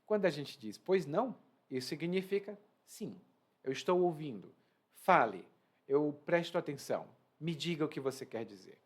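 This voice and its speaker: Husky Brazilian man teaching with lively pitch. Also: normal speed. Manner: animated, acts out quoted phrases. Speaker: Portuguese teacher. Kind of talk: explaining a reading to learners. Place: at home indoors.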